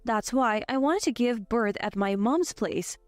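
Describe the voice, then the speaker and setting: A woman in her twenties narrating a scripted first-person story with an even, steady delivery. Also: fairly high pitch, measured pace, no room sound. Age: 20s.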